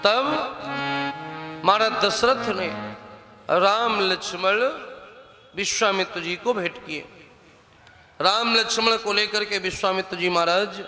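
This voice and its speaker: A man telling a devotional scripture story as a sermon, slow and explanatory, repeating key points for his listeners. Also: high-pitched, steady tone, bright, forceful tone. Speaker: religious storyteller. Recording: echoey hall with music behind.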